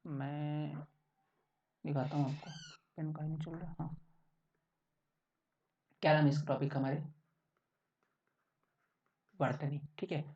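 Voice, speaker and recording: A man's voice: a little high, flat delivery, measured pace, long pauses, darkish tone. Brief: male coaching teacher, conversational and repetitive, recorded a little far from the mic, dull tone. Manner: chatty, keeps checking in with listeners. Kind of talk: casual online lesson. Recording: roomy, distant, dull sound.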